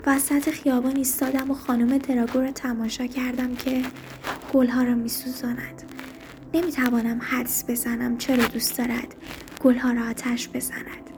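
A woman reading a story aloud in a soft, hushed narration. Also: a little high, level tone, background noise. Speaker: story reader.

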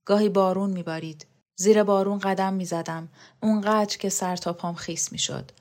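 A woman's voice: medium pitch, steady tone, natural voice. Vahab, a wistful man reminiscing, as a woman reads him. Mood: dreamy. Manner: soft, dreamy recollection. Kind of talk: audiobook character reading.

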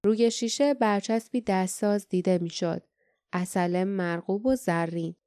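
Smooth, mellow woman narrating a storybook. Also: mid-range voice, no room sound, clean studio sound. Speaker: audiobook narrator.

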